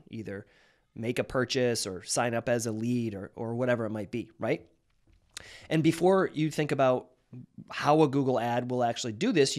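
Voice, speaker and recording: A man in his thirties, a marketing host, explaining in a casual, conversational way with restarts and rhetorical questions. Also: medium pitch. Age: 30s.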